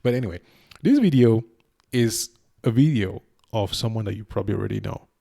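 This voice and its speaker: A man's voice: on the low side, lively intonation, brisk, vocal fry, warm tone. A young man from Cameroon, hosting his YouTube channel with casual, self-deprecating reaction commentary. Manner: chatty, self-deprecating, talks to the viewer.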